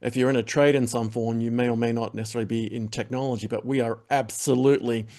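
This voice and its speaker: A man hosting a web TV show closes out an interview with cheerful, meandering audience plugs packed with fillers. His voice is dark and medium-pitched, and he talks fast with fairly even intonation.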